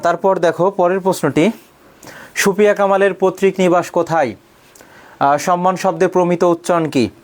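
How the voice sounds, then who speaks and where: High-voiced male grammar coach. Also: steady tone, normal speed, long pauses. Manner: drills by asking questions and answering them himself; clears his throat often. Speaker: Bangla grammar coaching mentor. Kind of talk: online exam-prep class.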